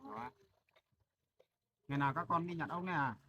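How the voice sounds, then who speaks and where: A man talking gently and in a fatherly way, coaxing children outdoors by a mountain stream. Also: fairly high pitch, fairly quick. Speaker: vlogger. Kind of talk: casual vlog talk. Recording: dull lo-fi sound with faint noise.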